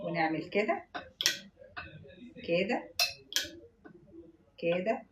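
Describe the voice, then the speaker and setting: A woman's voice: fairly low pitch, big pitch swings, extremely slow, dull audio, a little hiss or hum. A woman with an Egyptian Arabic accent, hosting a home cooking video and chatting with viewers as she works. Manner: chatty, talks to viewers while she cooks. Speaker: cooking channel host. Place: home kitchen. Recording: echoey kitchen with dish and pan clatter.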